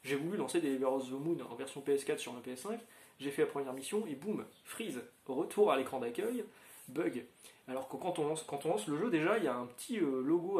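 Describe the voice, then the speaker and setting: Speaking in an echoey room, this channel host has a slightly high voice with a darkish tone. He chats casually to his viewers in a rambling way, full of fillers and restarts.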